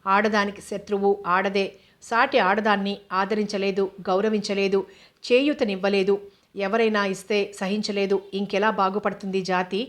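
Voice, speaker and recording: A woman's voice: mid-range voice, steady tone, normal speed, close to an everyday voice. A woman voicing a grieving young man who speaks with impassioned pleading.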